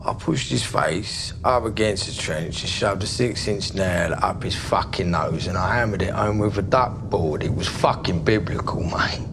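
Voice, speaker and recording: Unhinged mob boss, low gravelly voice, lurching from bluster to whispers, over a noisy soundtrack. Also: male voice, normal speed, hardly any pauses. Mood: menacing. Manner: rambling, swings from loud jovial bluster to menacing whispers. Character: volatile London gangster, bakery-distillery boss, middle-aged man.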